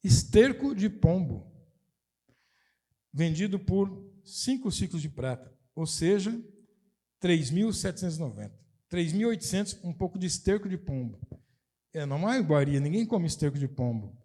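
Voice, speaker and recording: A middle-aged Brazilian pastor preaches in a notably high voice. He explains the text emphatically and comes back to key phrases again and again. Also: lively intonation, moderate pace, dark tone. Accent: Brazilian Portuguese. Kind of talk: sermon.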